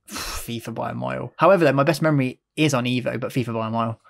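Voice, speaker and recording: A man's voice: mid-range voice, quick pace, gravelly. A young man as a podcast guest, laid-back and joking, with blunt opinions. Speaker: podcast guest, game content creator. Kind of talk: casual podcast interview.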